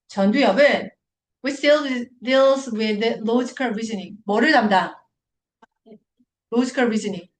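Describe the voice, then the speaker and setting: A young woman with a fairly high voice teaches a class in an animated way, firing quick questions at her students. The room echoes around her. A faint hum of background noise sits under the lecture. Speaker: English teacher. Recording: roomy echoing classroom.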